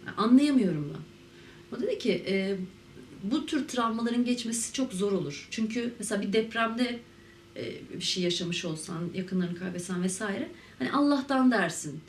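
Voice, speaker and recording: A woman in her thirties from Turkey, an interviewee telling her own story in a candid, reflective way with halting fillers. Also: mid-range voice, lively intonation, slight background noise. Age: 30s. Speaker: interviewee, ceramic artist. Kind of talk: personal testimony to camera. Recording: roomy, mic at a distance, faint ambience.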